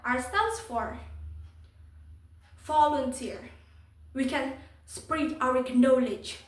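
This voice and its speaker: High-voiced young Indonesian woman, stiff memorized speech. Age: young adult. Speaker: speech competition contestant. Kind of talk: prepared competition speech. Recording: echoey room, distant microphone.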